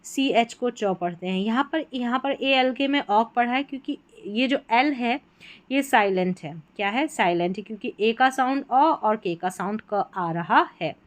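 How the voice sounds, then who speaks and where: A woman who speaks as her teaches English spelling patterns from a chart. She draws out each example word slowly between her explanations. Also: fairly high pitch, animated. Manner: slow, drawn-out example words between explanations. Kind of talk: spelling lesson walking through a chart.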